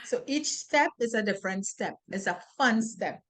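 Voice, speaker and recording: A woman's voice: on the high side, expressive, normal speed, fairly bright tone. A middle-aged woman co-hosting a talk show, speaking earnestly, repeating words and acting out quoted worries. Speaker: co-host. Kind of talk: casual talk-show chat.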